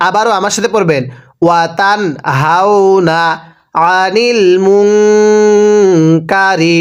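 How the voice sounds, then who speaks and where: A man with a Bangladeshi Bengali accent teaching Quran reading in a spelled-out recitation lesson. He spells each word letter by letter, then recites it slowly and draws out the sounds. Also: sits high.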